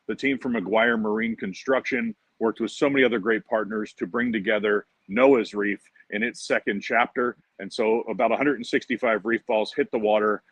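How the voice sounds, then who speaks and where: A man's voice: mid-range voice, dry recording. A man, director of a fishing conservation group, giving an upbeat promotional update with frequent "uh" fillers, recorded at a marina. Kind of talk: monthly video update. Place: outdoors at a marina.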